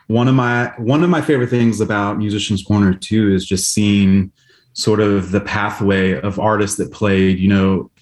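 Deep-voiced man in a roomy echo. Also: darkish tone. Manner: reflective, enthusiastic. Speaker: music event organizer. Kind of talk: radio interview.

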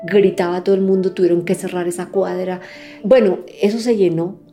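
A woman's voice: on the low side, fairly even intonation, brisk, mellow, faint music behind. An older woman giving emotional testimony, her voice tense and breaking as she acts out what was said. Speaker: interviewee, widow recounting.

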